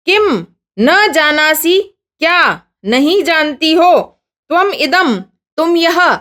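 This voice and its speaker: A woman teacher reading Sanskrit phrases slowly, then explaining each one and asking her students questions. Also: high-pitched, a bit bright. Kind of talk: Sanskrit lesson explained in Hindi.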